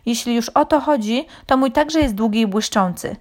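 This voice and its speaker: A woman's voice: mid-range voice, sing-song, a little slow. A woman voicing a wise, dignified male horse in a children's story, speaking firmly. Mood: proud. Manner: firm and authoritative.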